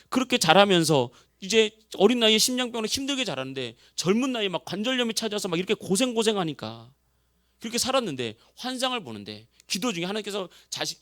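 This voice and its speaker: A man's voice: high voice, fairly bright tone, no echo, studio quality. A male pastor preaching a sermon, telling a story with feeling and acting out the quoted voices. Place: church sanctuary.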